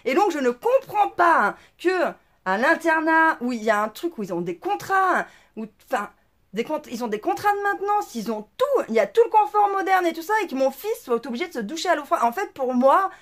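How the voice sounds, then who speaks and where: High-pitched, indignant woman ranting. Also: very animated, fairly quick. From France. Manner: indignant, blunt, crude slang, lots of fillers. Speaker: vlogger. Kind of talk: casual storytelling rant to viewers.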